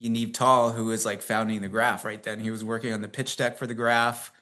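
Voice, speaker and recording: On the low side, with little pitch movement, this voice sounds pushed and bright and moves fairly quickly. It belongs to an unaccented American man in his fifties, a tech company CEO guesting on a casual interview, where he rambles through long, chatty anecdotes with frequent laughter and fillers like "um" and "like."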